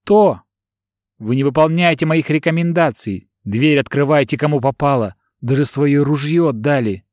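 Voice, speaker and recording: A man's voice: fairly high pitch, animated, normal speed, no room sound, clean studio sound, close to an everyday voice. A man voicing a stern, commanding female bodyguard in an audiobook, raising his voice to a scolding woman's tone.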